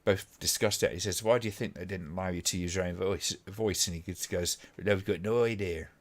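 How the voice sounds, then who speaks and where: A British man hosts a live stream, reacting to old clips in casual chat, chuckling and rambling with fillers. His low voice stays steady and moves fairly quickly.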